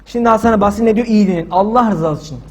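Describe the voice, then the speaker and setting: A man preaching a sermon in a loud, forceful, shouting manner, stretching some words slowly for emphasis. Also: high voice, slight background noise.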